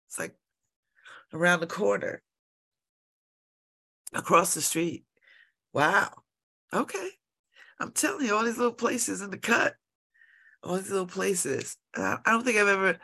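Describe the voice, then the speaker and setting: A congested woman hosts local radio, talking casually on her own, chatting and rambling with exclamations. Her voice is fairly low, creaky and bright, with a forceful tone.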